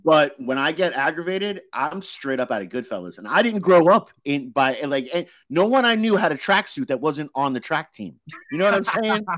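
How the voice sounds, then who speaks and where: A man's voice: fairly high pitch, expressive, moderate pace, a bit bright. A man in casual chat, teasing and full of restarts.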